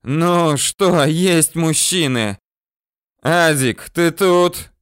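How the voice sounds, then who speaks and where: A man's voice: a little high, extremely slow, fairly bright tone, clear, resonant tone, dry recording, clean studio sound, voice pushed up. A man voicing a wounded bandit chief who screams orders and wheezes vicious curses. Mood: shouting.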